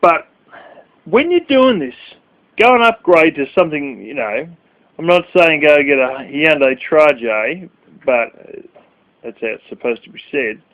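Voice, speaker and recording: A blunt, foul-mouthed man rambles through a casual vlog rant late at night, sleepy and yawning. His voice sits a bit high for a man. The sound is thin and tinny, like a phone line. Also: sing-song, moderate pace, fairly bright tone. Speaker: vlogger.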